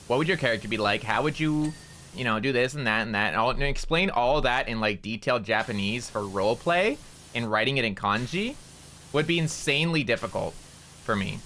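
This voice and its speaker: Fairly quick and animated, a male VTuber talks through his gameplay in a mid-range voice that sounds pushed and bright. His casual chat rambles and is full of "like" fillers.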